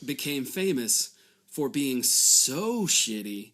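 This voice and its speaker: Rambling man riffing with a friend. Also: slow pace. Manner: rambling, stammering restarts, animated jumps in pitch. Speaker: comedy podcast co-host. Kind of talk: casual comedic banter.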